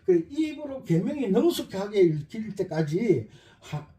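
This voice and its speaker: Middle-aged male music teacher, animated, high-pitched, roomy sound. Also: unhurried. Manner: lively, repeats key phrases, jokes with students. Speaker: accordion teacher. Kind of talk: spoken music lesson.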